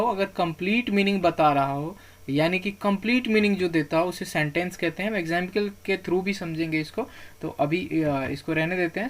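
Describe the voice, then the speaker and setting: A man whose voice sits high and sounds a bit bright presents grammar terms on slides. He repeats important words slowly for pronunciation, handles his own questions, and assures learners there is nothing to worry about.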